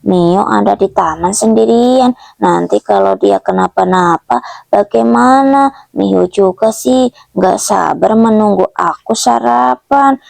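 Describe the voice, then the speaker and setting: A woman's voice: medium pitch, slow pace, vocal fry, darkish tone, dry recording, pitched below the performer's own voice. A woman voicing an anxious young boy in a game roleplay, fussing and urgent. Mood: worried. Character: worried young boy named Kayuta.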